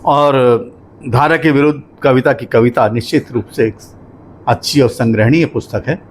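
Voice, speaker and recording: A man giving a formal spoken review of a poetry book at a literary discussion, measured and explanatory, working through examples. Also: mid-range voice, a little hiss or hum.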